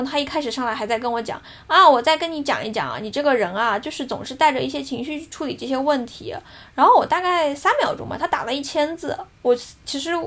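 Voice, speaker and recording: A woman in her thirties talks fast in a high voice, earnest and reflective as she tells a personal story. Her casual podcast delivery stays conversational and brisk throughout. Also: fairly bright tone. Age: 30s. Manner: earnest, reflective, re-enacting dialogue in her telling. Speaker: podcast co-host.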